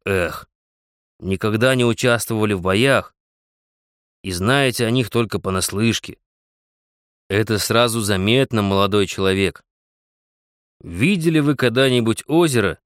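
A man's voice: fairly low pitch, moderate pace, long pauses, a bit bright, dry recording, clean studio sound, close to an everyday voice. A man voicing a shrewd, cautious old trapper who explains his plans at length in an audiobook. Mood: mocking.

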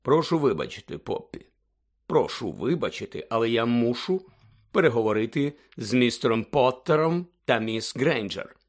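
A man voicing a calm, firm elderly male headmaster who speaks quietly. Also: mid-range voice, normal speed.

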